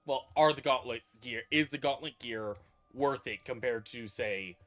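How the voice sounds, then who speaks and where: A man's voice: medium pitch, a little slow, a bit bright, soft background music. A man streams a video game and muses aloud as he plays. His casual talk wanders and trails off into restarts, in an ordinary mid-range voice. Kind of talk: casual livestream commentary.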